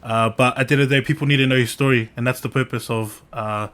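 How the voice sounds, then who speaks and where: A man hosting a podcast in casual, earnest, slangy talk, often halting and repeating words. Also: medium pitch, fairly even intonation, fairly bright tone, slight background noise. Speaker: podcast host. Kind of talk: casual chat.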